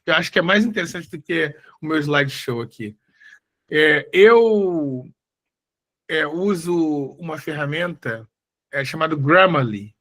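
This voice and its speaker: Carioca male professor, lecture storytelling, lively swooping intonation, high-pitched. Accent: Carioca Brazilian Portuguese. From Rio de Janeiro, Brazil. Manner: animated, restarts sentences often.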